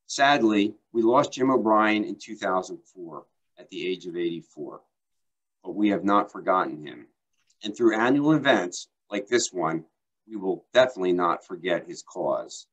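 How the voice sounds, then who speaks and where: A man, a county board director, giving measured, formal prepared remarks over a video call. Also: on the low side, slightly rough, rough recording. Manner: measured, read-out ceremonial delivery.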